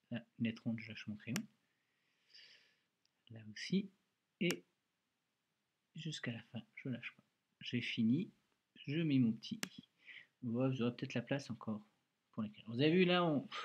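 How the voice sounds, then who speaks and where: A man's voice: mid-range voice, muffled recording, slight background noise. A male schoolteacher recording a handwriting lesson for a child, patiently talking through each pen stroke aloud with an encouraging manner. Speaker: primary school teacher.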